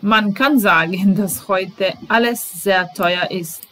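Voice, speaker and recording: Slow, careful woman teaching German words. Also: medium pitch, a bit bright, slight background noise, low-quality recording. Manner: reads each German example, translates it, then repeats it. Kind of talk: slow bilingual vocabulary lesson.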